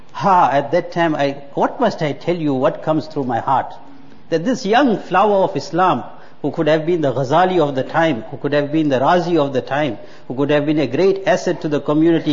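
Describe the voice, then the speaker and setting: A man's voice: a little high, darkish tone. A man, preaching a sermon earnestly and repeating words for emphasis. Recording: muffled hall with long reverb.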